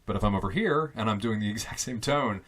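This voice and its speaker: Testing his home studio, a young vlogger talks loudly and fast into a condenser mic on a stand inside a small foam-lined closet. His lowish voice is animated, and he rambles chattily with fillers, restarts and self-amused asides.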